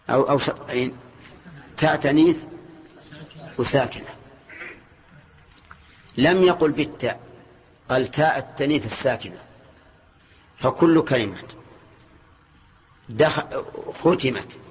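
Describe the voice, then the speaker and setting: Older male scholar, Najdi Saudi accent, measured mosque grammar lesson, muffled old tape. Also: medium pitch, a little hiss or hum. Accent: Najdi Saudi Arabic. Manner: slow and deliberate, quizzes students with rhetorical questions. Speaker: Islamic scholar teaching Arabic grammar. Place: large mosque. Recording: dull lo-fi cassette recording.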